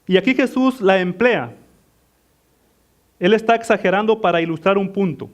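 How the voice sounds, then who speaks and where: High-voiced preacher questioning his congregation. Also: moderate pace. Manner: asks the congregation questions and answers them; calls listeners "mis amados". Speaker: pastor. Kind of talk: sermon.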